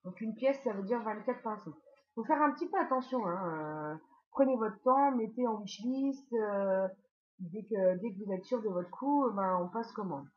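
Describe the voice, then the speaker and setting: Brief: woman, chatty tutorial host, mid-pitched, slightly muffled lo-fi recording. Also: expressive, normal speed. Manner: chatty, many fillers and asides. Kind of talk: casual screen-walkthrough tutorial.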